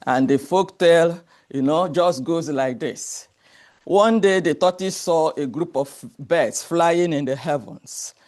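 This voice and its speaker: A man presents at an academic conference in a measured, explanatory way. His voice sits a little high for a man, and he keeps things orderly, slide by slide. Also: darkish tone. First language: Igbo. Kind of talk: academic presentation with folk tale.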